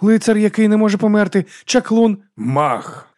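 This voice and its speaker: A man's voice: expressive, moderate pace, a little mellow, dry recording, clean studio sound. A man voicing an exasperated, panicky monk who protests shrilly. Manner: shrill and indignant.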